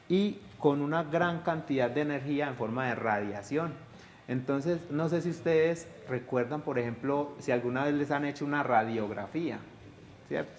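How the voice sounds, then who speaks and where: A man's voice: a little high, a little hiss or hum. A male teacher explaining a science topic to pupils, asking them questions as he goes. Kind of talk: educational explanation.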